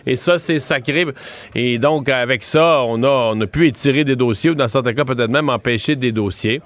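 A man's voice: medium pitch, fairly quick. A man with a Quebec French accent giving conversational political analysis as a commentator, explaining his points in a colloquial, emphatic way.

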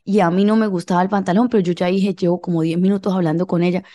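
A woman's voice: lowish voice, quick pace. A woman co-hosting a talk show, telling a funny anecdote and acting out the dialogue. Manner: lively, quotes people in dialogue. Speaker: radio show host. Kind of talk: casual comedic storytelling.

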